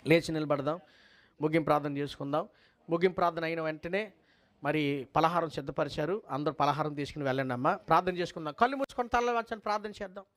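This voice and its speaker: Male preacher, high voice, fervent, quizzes the crowd with rhetorical questions, repeats himself for emphasis. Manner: fervent, swings between high and low pitch. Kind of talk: sermon and closing prayer.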